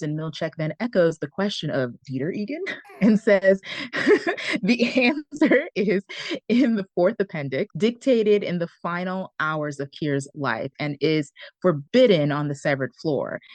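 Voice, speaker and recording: A woman's voice: lowish voice, a little mellow, dry recording. A woman co-hosting a podcast who retells a TV episode's plot in a storytelling tone and laughs often. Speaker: podcast co-host. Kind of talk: casual chat and episode recap.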